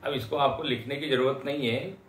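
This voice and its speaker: A man teaching a lecture class, explaining slowly and patiently and sounding out syllables one by one. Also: mid-range voice, fairly bright tone, a little hiss or hum. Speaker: Vedanta teacher. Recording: echoey lecture hall.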